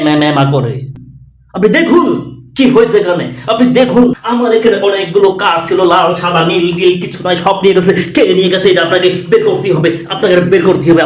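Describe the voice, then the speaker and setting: A man playing an overexcited male TV news reporter who repeats himself in pushy, shouting hype. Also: high-pitched, echoey room, natural voice.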